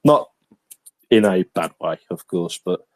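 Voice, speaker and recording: Chatty man, low voice. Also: expressive, a little slow, no room sound. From England. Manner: chatty, repeats words when starting sentences. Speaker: podcast host. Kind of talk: casual chat.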